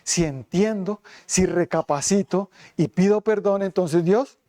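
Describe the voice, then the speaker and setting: High mellow-voiced pastor preaching hard, says amen a lot, acts out little quotes. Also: male voice, unhurried. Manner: emphatic preaching, repeats "amén" often; voices God and sinners in quoted asides. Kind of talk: sermon.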